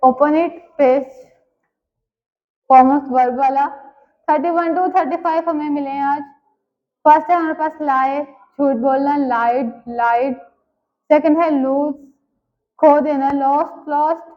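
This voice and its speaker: A woman with a Pakistani accent teaching an online English class, reading English lines slowly and explaining them in Urdu. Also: sits high, steady tone. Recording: dull lo-fi audio.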